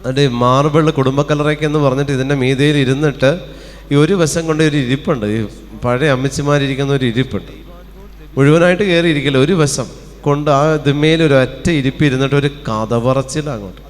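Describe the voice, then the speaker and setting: A man's voice: mid-range voice, steady tone, fast talker. A man with a Kerala Malayalam accent preaching a fervent sermon at a retreat, calling out hallelujahs and firing rhetorical questions. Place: retreat centre hall. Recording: long hall reverb.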